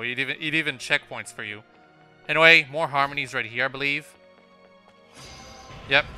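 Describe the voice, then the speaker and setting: With game music in the background, a young man gives casual, rambling let's play commentary in a medium-pitched voice that's sharp, clear, and resonant. He frequently restarts and self-corrects, filling gaps with "uh" and "like."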